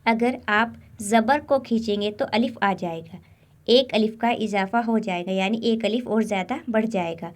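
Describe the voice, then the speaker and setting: Woman teaching Quran letter sounds, slow. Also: fairly high pitch. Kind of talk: step-by-step lesson.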